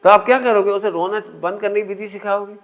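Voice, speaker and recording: A man's voice: sits high, fairly even intonation, brisk, a bit bright. A man teaching a spiritual discourse in a conversational way, often asking his listeners questions. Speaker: religious teacher. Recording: muffled lo-fi recording.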